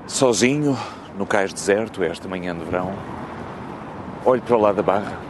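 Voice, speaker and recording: Male reader, slow and reflective poem delivery, outdoor city noise behind. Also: fairly low pitch. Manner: slow, measured, reflective reading. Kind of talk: poetry recitation.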